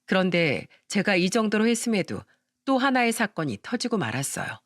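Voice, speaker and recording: Woman telling a lively story. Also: mid-range voice, normal speed, no room sound, studio quality. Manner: confiding, indignant storytelling. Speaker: narrator. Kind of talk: scripted story narration.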